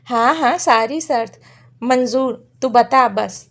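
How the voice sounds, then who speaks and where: A woman's voice: a little high, slow. Woman voicing a blustering rustic village headman. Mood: pleading. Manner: rustic village speech, pleading then scheming.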